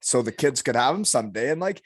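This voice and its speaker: A man's voice: mid-range voice, expressive, fast talker, dry recording, studio quality. A middle-aged man hosting a podcast in casual chat, with an informal, blunt, encouraging way of talking. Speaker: podcast host, former hockey player.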